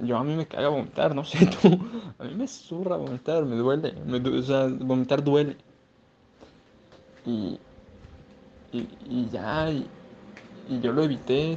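A man's voice: mid-range voice, creaky, dark tone, muffled recording, a little hiss or hum. A queasy young man with a Mexican accent, rambling crudely in a casual video diary. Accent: Mexican Spanish.

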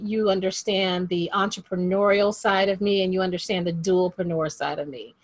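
A woman's voice: fairly low pitch, dry recording. A woman hosting a podcast interview, upbeat and chatty, repeating phrases for emphasis. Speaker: podcast host.

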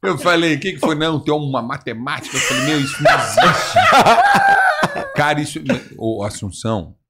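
A middle-aged podcast host from Brazil, telling teasing stories in a casual chat. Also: male voice, a little high, fast, very noisy. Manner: lively storyteller, teasing.

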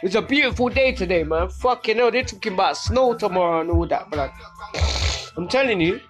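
A middle-aged man with a south London accent talks in a high voice for a man. He chats casually as a podcast host, peppering his talk with street slang, swearing and tag questions. Music plays clearly behind him. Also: expressive, brisk. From Brixton, south London.

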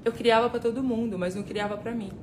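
A woman hosts a casual motivational live stream as a personal development facilitator, speaking directly to viewers and repeating words emphatically for force. Her voice is fairly high with a darkish, steady tone, and she talks fast. A slight hiss or hum can be heard.

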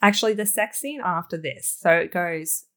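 A woman's voice: fairly low pitch, normal speed, pushed and bright. A woman co-hosting a book podcast in casual chat, dry and sarcastic, often reading quotes from the book aloud.

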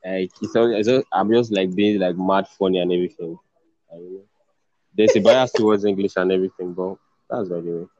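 A man's voice: low voice, brisk, warm tone, dry recording. A man with a Nigerian accent hosting a casual chat, friendly and teasing, often restarting his sentences. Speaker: podcast host. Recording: dull, dry lo-fi audio.

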